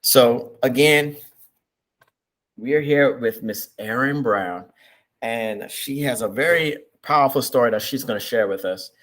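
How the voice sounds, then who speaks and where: A man hosting an online interview on a video call, measured and encouraging, often repeating his words. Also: mid-range voice, a bit bright. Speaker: host.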